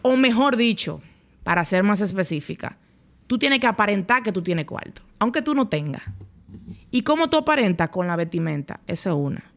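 Speaking as a podcast guest, this young woman from the Dominican Republic shares her story in blunt, colloquial, candid conversation. Her mid-range voice is animated and fairly bright, and she keeps a moderate pace.

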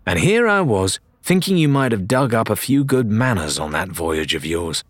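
A man voicing a brusque, sharp-tongued woman who keeps a tavern, in a storybook reading. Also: on the low side, sing-song, moderate pace, dry recording. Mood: cross.

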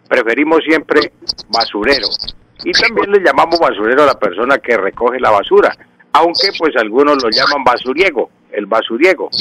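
A man with a Santander Colombian accent who answers listeners' questions on the radio like a teacher. He speaks slowly, repeats key words and pauses on "eh" fillers. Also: medium pitch, a bit bright. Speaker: language and local history expert on radio. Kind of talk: radio call-in explanation.

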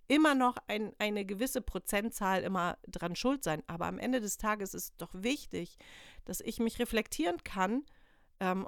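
In clean studio sound with no echo, a woman with a smooth, mid-range voice presents her motivational podcast. She is a self-employed team leader from northern Germany who speaks earnestly, like a coach, and fills her talk with rhetorical questions for the listener.

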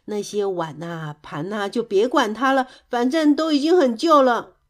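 A woman voicing a kind old grandmother bear who speaks softly and gently in a children's story. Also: on the high side, moderate pace, lightly acted. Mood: gentle.

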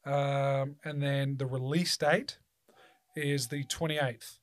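A man's voice: medium pitch, steady tone, slow, no room sound, studio quality. An Australian man hosting a casual chat, rambling loosely and swearing freely.

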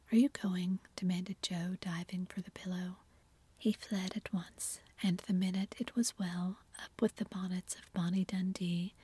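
Woman narrator, airy whispered storybook reading, steady and flat. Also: on the low side, slightly rough. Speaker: reader.

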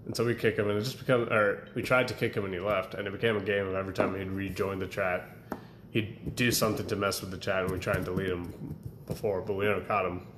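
A man's voice: deep voice, little pitch movement, fast. A young man chatting casually as a podcast co-host, rambling through stories and laughing often. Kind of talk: casual chat. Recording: echoey room with faint ambient noise.

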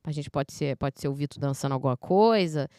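Woman podcast host, rapid and bubbly, dry close studio mic. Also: low voice, no room sound. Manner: fast, excitable, laughs often. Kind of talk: casual chat.

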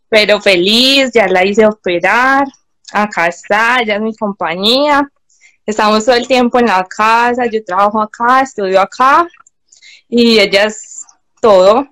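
Young woman, fairly high voice, dry close sound, casual storytelling on a video call. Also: no room sound. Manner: animated, acts out voices of others in anecdotes. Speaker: guest. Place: home.

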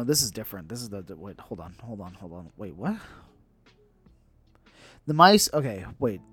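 A podcast co-host chats casually about entertainment news in a medium-pitched, slightly bright voice with no room sound. His style is conversational, and he often restarts and repeats phrases as he talks.

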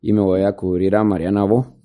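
A man's voice: sits low, flat delivery, a little fast, warm tone. A man, a videographer, chatting casually in an interview and rambling through stories with lots of filler words. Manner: rambling storytelling, filler-heavy. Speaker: videographer guest.

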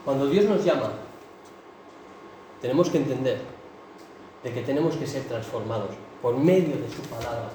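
A man's voice: mid-range voice, expressive, normal speed, long pauses, mellow, slight background noise. A man preaching a sermon with impassioned, emphatic delivery. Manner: impassioned, rising to emphatic bursts. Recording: echoey hall, mic from a distance.

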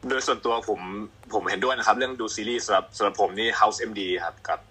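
A man's voice: lowish voice, quick pace, bright, forceful tone, slightly rough. A man doctor on an online panel, talking casually and repeating words.

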